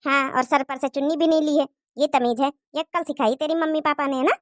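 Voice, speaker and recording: A woman's voice: sits high, steady tone, fairly quick, no room sound, studio quality, lightly acted. A woman voicing a bossy, scornful mother-in-law in a cartoon moral story, nagging and taunting. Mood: scolding.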